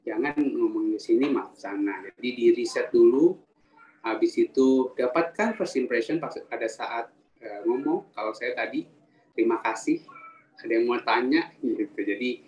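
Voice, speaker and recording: A man giving a casual, animated public speaking talk in a live webinar, asking the audience questions and reading their chat comments aloud. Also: medium pitch, moderate pace, lo-fi sound. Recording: roomy sound, mic at a distance, faint ambience.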